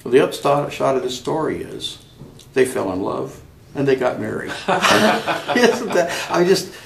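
An older man, a guest in an interview, telling stories in a halting way with many restarts. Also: medium pitch, expressive, gravelly, roomy sound, very noisy. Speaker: interview guest, chapter member. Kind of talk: conversational storytelling.

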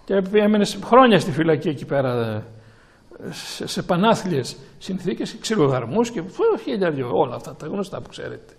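Greek priest's high, gravelly sermon voice. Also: male voice, big pitch swings. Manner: slow, halting delivery with many restarts and repeats. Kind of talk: sermon with a question time.

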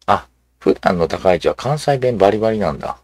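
A man giving casual commentary as he reads social media replies aloud, musing and halting, with many fillers and asides. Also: fairly low pitch, big pitch swings, darkish tone, slightly rough, dry recording, clean studio sound.

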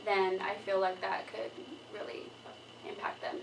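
A young woman from San Benito, Texas, a student giving sincere, soft-spoken interview answers indoors. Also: medium pitch, measured pace, gravelly. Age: young adult. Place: indoor room by a window. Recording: distant mic with steady hum.

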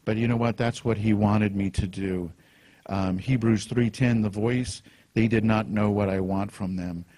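A man's voice: fairly low pitch, fairly even intonation, measured pace, warm tone. A man giving a sermon at a conference, telling stories in a chatty way and acting out the quotes. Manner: anecdotal, conversational with acted-out quotes. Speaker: conference speaker. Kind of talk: sermon storytelling. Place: conference hall.

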